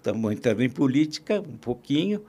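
A medium-pitched, husky, slightly mellow male voice, very animated and a bit quick. The speaker is a podcast guest who works as a columnist and agribusiness consultant; he discusses politics in a relaxed, opinionated, talkative way, often restarting sentences and using fillers.

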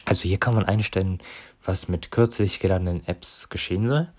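A man giving a relaxed, conversational walkthrough of phone settings for his viewers. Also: low voice, brisk. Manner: relaxed, conversational explaining with fillers. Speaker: tutorial presenter. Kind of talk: casual explanatory walkthrough.

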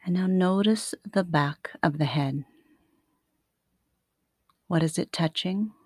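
A woman guiding a sleep meditation like a sleep story narrator, soothing and unhurried, with long pauses between short phrases. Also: fairly low pitch, a little mellow, no room sound, studio quality. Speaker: yoga nidra meditation teacher.

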